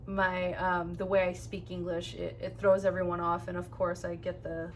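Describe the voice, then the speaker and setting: A woman's voice: fairly low pitch, level tone, moderate pace, far from the mic, a little hiss or hum. Reflective woman guest, slightly off-mic. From Korea. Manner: reflective, hesitant, many fillers. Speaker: guest, birth worker. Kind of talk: casual podcast conversation.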